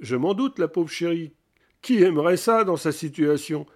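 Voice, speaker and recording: A man's voice: a little high, animated, moderate pace, close to an everyday voice. Man putting on an eager, chatty pregnant woman. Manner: eager, insistent, gushing. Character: pushy, chatty pregnant woman, old college friend.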